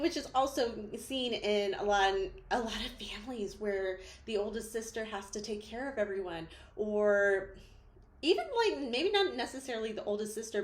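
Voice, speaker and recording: Woman, therapist, reflective solo talk, gently questioning, echoey room. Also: medium pitch. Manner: thoughtful, gently questioning, frequent "like" fillers. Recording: roomy echo.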